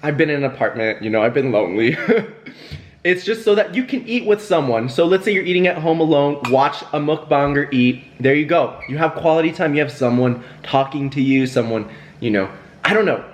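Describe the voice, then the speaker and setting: A man's voice: fairly high pitch, animated, fairly quick. A young man talking casually to the camera while eating, rambling and laughing between bites. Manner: chatty and rambling, with fillers, laughs and self-talk. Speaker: YouTuber hosting a mukbang.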